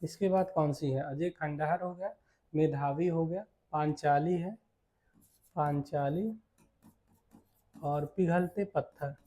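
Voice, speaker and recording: A Hindi teacher with a slow, mellow, fairly high-pitched voice leads an exam-prep lesson on multiple-choice questions. He is repetitive, asking questions and answering them himself, and keeps checking in with "ठीक है."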